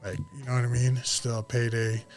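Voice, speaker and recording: With faint music behind him, a late-thirties American MMA fighter from Utah talks briskly in a medium-pitched monotone. He's a casual podcast guest, using slang and swearing freely.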